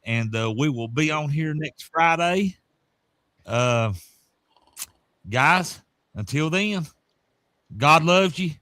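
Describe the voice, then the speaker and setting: A man's voice: fairly high pitch, expressive, takes it slowly, long pauses, a bit bright, dry recording, studio quality. A man hosting a casual sports podcast, talking in a folksy, rambling way with lots of fillers. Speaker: podcast host.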